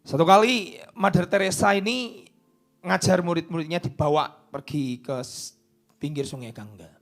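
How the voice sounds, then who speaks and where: A man preaching a sermon into a microphone in church, swinging from loud declarations down to hushed whispers. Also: on the high side, moderate pace, soft background music. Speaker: pastor.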